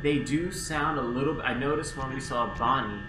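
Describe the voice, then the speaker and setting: A man's voice: mid-range voice, moderate pace, heavy background noise. A man in his twenties giving casual commentary as co-host of a gaming video. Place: indoor room. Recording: echoey room with game audio behind. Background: horror game music and sounds.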